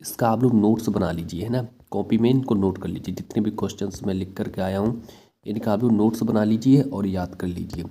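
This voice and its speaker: A man's voice: fairly low pitch, a little fast, warm tone, slightly rough. A young man teaching an online exam-prep class, going over correct spellings again and again and calling students "brother". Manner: repetitive, addresses students as brother, lots of tag questions.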